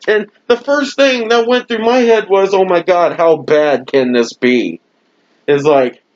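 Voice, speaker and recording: A man's voice: on the high side, darkish tone, lo-fi sound. A man giving a profane, exasperated rant as a wrestling show reviewer, recorded at home. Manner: exasperated, swears constantly, mocking laughs. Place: home room.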